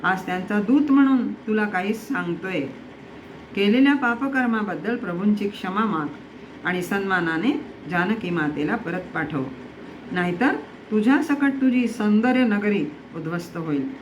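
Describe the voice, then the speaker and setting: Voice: medium pitch, animated, normal speed, slight background noise, natural voice. Narrator voicing bold monkey messenger, defiant. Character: devoted monkey messenger, brave and clever. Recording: dull lo-fi recording.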